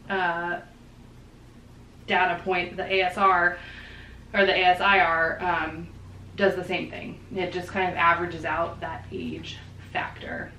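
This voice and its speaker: A woman's voice: medium pitch, fairly bright tone, slight background noise. Woman podcast co-host, casual and chatty, recorded a bit off-mic in an echoey room. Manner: chatty, laughs easily, many fillers. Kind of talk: casual explanatory chat. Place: living room with dog present. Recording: roomy echo, distant mic, faint background.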